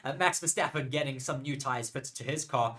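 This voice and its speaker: Male co-host for a live race stream, mid-pitched, chatty and excitable, jokes with the chat. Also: fairly quick. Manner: chatty, excitable, banters with viewers. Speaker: co-host and F1 commentator. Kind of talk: live race commentary watchalong.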